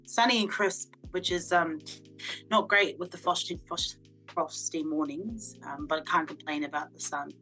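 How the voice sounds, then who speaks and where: A woman's voice: low-pitched, steady tone, normal speed, bright, forceful tone, faint music behind, low-quality recording. A woman, chatting casually as a panellist. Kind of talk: casual chat.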